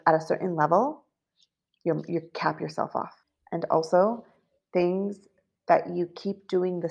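A woman's voice: deep voice, vocal fry, a little mellow. A woman guest on a podcast interview, speaking with confident, assured, spiritual phrasing. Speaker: guest, business coach.

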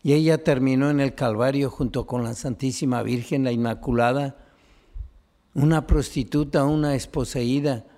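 A man's voice: medium pitch, steady tone, moderate pace, warm tone. A man, a priest, reading the gospel and giving an earnest homily that speaks directly to listeners.

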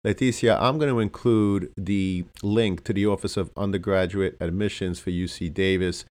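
A man with a very low voice hosting a podcast interview. He praises his guest's answers and asks measured, formal questions. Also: steady tone, a little mellow. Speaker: podcast host.

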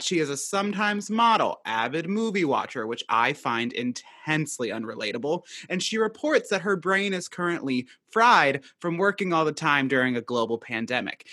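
Young male podcast host, bright tone, theatrical and sarcastic. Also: medium pitch. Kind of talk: casual podcast chat.

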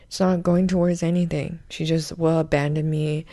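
Low-voiced woman rambling deadpan. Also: normal speed, no room sound. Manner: rambling, deadpan, crude and self-mocking. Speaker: podcast host. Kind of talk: casual comedic monologue.

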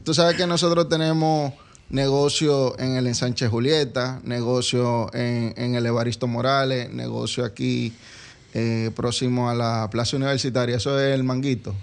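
A man's voice: mid-range voice, level tone, normal speed, creaky, clear, resonant tone. A man with a Caribbean Spanish accent from the Dominican Republic, speaking conversationally as an interview guest. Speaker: interview guest, advertising company businessman.

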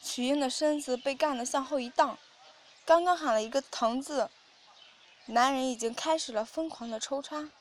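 A woman with a high, light voice narrates an audio story at a steady, even reading pace. The narration is measured and continuous, with a faint hiss in the background.

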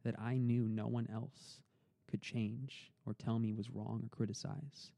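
A man's voice: mid-range voice, level tone, unhurried, gravelly, warm tone, no echo. A young man, a podcast guest, telling his story in an earnest, reflective way, often repeating words as he gathers his thoughts. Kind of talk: storytelling in a casual interview.

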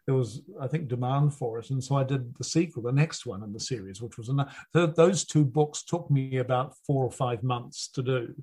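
A husky-voiced man in his sixties, an audiobook narrator, tells rambling anecdotes in an interview, restarting often. His voice sits in the mid-range, his pace is moderate with hardly any pauses, and his storytelling is animated.

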